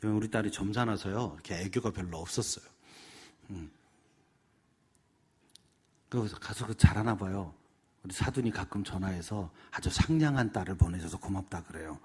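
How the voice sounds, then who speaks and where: A middle-aged man giving a parenting seminar lecture in an animated way, acting out examples in different voices. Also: sits low, normal speed, pauses often, husky.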